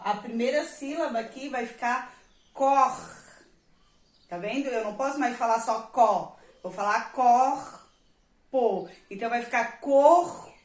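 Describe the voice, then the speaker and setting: Patient teacher, echoey room. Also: female voice, a little high. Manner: patient, explains slowly, frequent "tá?" checks; stretches and stresses example words. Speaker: primary school teacher. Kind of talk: recorded reading lesson for children.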